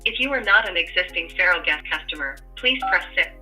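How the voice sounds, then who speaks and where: A woman's voice comes through as a recorded phone menu message. Her tone is sharp and very bright, and she reads each scripted option at a slow, steady announcing pace. Faint music sits behind her. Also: lowish voice, poor audio. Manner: slow, evenly paced, announcing.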